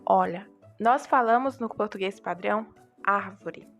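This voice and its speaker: A woman's voice: medium pitch, unhurried, soft background music. A young woman, a student, explaining a book chapter to her class with rhetorical questions. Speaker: student presenting a group assignment. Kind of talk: class presentation.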